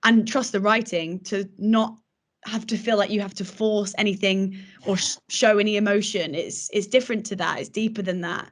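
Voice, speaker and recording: Enthusiastic actress talking films. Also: female voice, medium pitch, fairly even intonation, normal speed. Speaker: guest, actress. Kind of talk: casual film chat.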